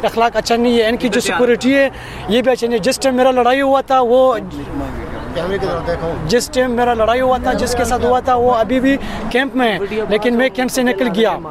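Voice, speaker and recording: A man's voice: extremely high pitch, steady tone, fairly quick, crowd noise. A man in his twenties from Afghanistan, a native Pashto speaker, earnestly pleading about his hardships in a street interview. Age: 20s.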